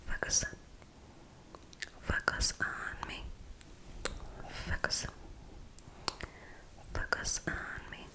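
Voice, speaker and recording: A young adult woman doing whispered ASMR in a soft, breathy, hushed and intimate voice, close to the microphone. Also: extremely slow, long pauses. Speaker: ASMR video creator. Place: small bedroom, indoors. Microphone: close desk microphone.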